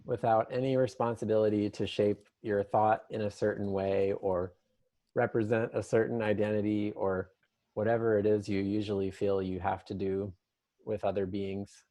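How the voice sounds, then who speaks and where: In a gentle, unhurried way, a man with a lowish voice offers an improvised meditation in a conversational style. His delivery is flat, and he lets long pauses stretch out.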